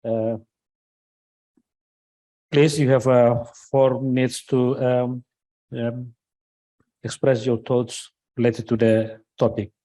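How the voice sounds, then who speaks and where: A man's voice: medium pitch, little pitch movement, slow pace, long pauses, warm tone, low-quality recording. A man moderating a conference session, introducing speakers in a hesitant way with many fillers.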